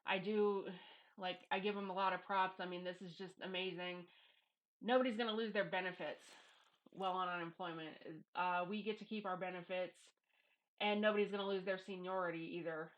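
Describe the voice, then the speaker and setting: A woman's voice: fairly low pitch, steady tone, fairly quick, poor audio. A middle-aged woman talking casually and bluntly in a confessional video monologue, self-deprecating, recorded on a headphone mic in a home office. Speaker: YouTube vlogger. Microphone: headphones used as microphone.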